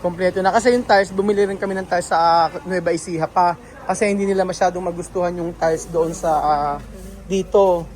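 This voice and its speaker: A man's voice: sits high, fairly even intonation, fast talker, a little mellow, a little hiss or hum, poor audio. A man from the Philippines vlogging casually in a house under renovation, chatting to his viewers with many fillers and restarts. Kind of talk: casual vlog commentary to viewers.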